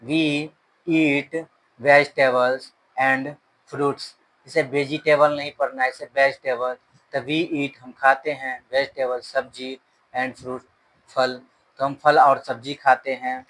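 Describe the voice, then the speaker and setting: A male teacher talks through an English story word by word and explains each word in Hindi. His delivery is slow and measured. His pitch stays level and seldom rises or falls. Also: flat delivery, a bit bright, low-quality recording. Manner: reads English words slowly, then explains in Hindi; repeats rules. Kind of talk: slow bilingual grammar lesson.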